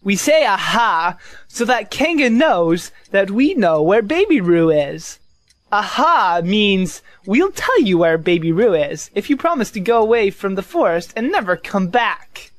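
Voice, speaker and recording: Lady doing a bossy storybook rabbit, impatient, lecturing, very animated. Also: mid-range voice, measured pace. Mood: scheming. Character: bossy, self-important, scheming storybook rabbit. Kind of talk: audio drama of a children's storybook.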